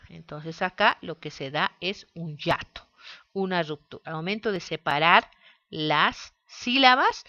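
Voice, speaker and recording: A woman teaching a grammar lesson, speaking slowly and spelling words out syllable by syllable. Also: lowish voice, bright, forceful tone, dry recording, muffled recording. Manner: slow, deliberate, spells out syllables.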